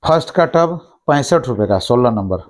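A man in his thirties, a shop owner, listing plastic goods and their prices and repeating each price briskly, recorded indoors on a lapel mic in a small shop office. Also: medium pitch, expressive. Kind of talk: product price rundown.

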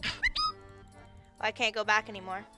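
A woman's voice: on the high side, animated, measured pace, music in the background. A young woman playing a video game, talking to herself in an unsure, muttering way as casual commentary. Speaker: game streamer. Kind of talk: casual let's-play commentary.

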